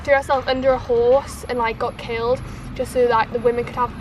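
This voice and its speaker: A woman's voice: fairly high pitch, little pitch movement, brisk, noisy background. A sixteen-year-old British girl answering casually, rambling and full of "like". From Britain. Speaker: interviewee.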